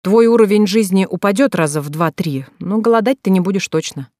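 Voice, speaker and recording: A narrator voicing a calm, stern older brother who lectures in a level tone in an audiobook. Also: mid-range voice, fairly quick, no echo, clean studio sound, close to an everyday voice.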